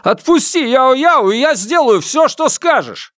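A man voicing a desperate middle-aged father who shouts and pleads in strained outbursts. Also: on the high side, wildly swooping pitch, slow, creaky, slightly rough, dry recording, clean studio sound, voice pushed up, exaggerated voice. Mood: desperate shouting.

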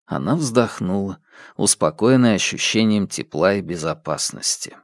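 A man reading a novel aloud as audiobook narrator, measured and unhurried. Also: low-pitched, lively intonation, no room sound, studio quality. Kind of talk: scripted narration.

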